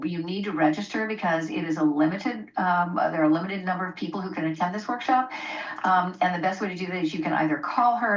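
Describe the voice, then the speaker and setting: A woman hosting a public radio interview in a conversational way, with a hesitant, halting delivery full of ums. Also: fairly low pitch. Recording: dull, roomy, distant microphone sound.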